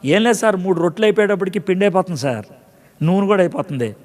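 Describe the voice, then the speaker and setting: A man preacher voicing a poor widowed mother who speaks lowly and softly to a prophet. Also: expressive, very fast, long reverb tail. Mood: pleading.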